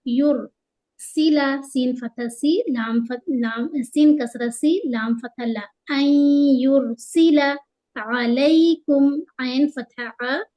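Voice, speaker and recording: A woman teaching Quran tajweed, patiently explaining the rules and slowing down to stretch out each recited word. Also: high-pitched, warm tone, poor audio. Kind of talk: tajweed lesson, spelling out letters and drawing out recited words.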